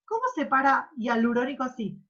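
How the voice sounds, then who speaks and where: Argentine woman teacher with a higher voice, animated; muffled, lo-fi audio. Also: brisk. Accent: Argentine Spanish. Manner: animated, exaggerates syllables for demonstration. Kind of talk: online class lecture.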